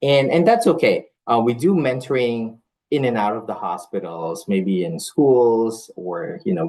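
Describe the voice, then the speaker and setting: A Filipino-born man who learned English as a second language gives a conference talk on nursing mentorship, complete with live audience polls. His voice sits on the low side with a warm tone, and he speaks earnestly, though with plenty of fillers and restarts. The audio quality is poor.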